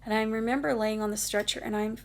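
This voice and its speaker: A woman's voice: on the high side, steady tone, fast talker. A woman vlogger telling a personal story in a casual, rambling, emotional way, with many fillers.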